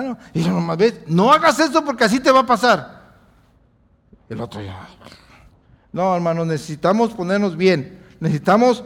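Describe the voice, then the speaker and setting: High-voiced man preaching in a reverberant hall. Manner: asks the congregation questions and answers them himself. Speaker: pastor. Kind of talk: sermon.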